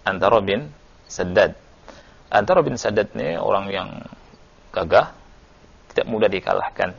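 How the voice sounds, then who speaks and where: Gravelly male religious teacher, lo-fi audio. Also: fairly low pitch, animated, normal speed. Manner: conversational, tells stories, frequent tag questions and fillers. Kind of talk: religious study lesson, answering questions. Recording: dull lo-fi recording.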